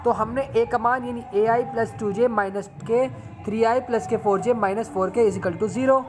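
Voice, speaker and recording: A man's voice: extremely high pitch, fairly even intonation, normal speed, noisy background. A man teaching a math lesson step by step, repeating phrases and often checking in with his viewers. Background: background music.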